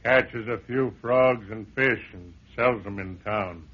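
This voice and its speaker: In a vintage radio drama, a male actor voices a folksy, plain-spoken handyman who is deferential yet wary and skeptical. His lowish voice moves slowly and sounds matter-of-fact and doubtful. The dull old radio recording carries slight background noise.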